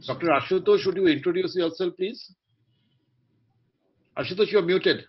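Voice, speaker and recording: Measured Indian man moderating, dull call audio. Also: high voice, breathy edge. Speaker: panel moderator and senior doctor. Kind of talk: formal online panel moderation. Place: online video call.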